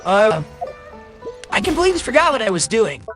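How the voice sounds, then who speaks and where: Over game music, a livestreamer gives casual gaming commentary, sounding blunt, exasperated and grumbly. A probable voice changer shapes the mid-range, fairly bright voice, which swings widely in pitch at a moderate pace.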